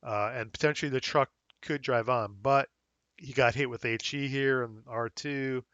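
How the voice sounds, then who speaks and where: A man hosting a wargame rules tutorial, talking casually and thinking aloud with fillers as he checks the rules, a little hoarse. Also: mid-range voice, fairly even intonation, moderate pace, a bit bright, no echo, dull audio. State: slightly hoarse, losing his voice. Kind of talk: screen-recorded game rules walkthrough.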